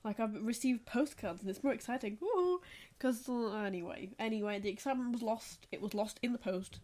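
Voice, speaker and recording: A woman's voice: fairly high pitch, brisk, warm tone. A woman, co-hosting a podcast and telling rambling, self-mocking stories in casual chat. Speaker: podcast co-host.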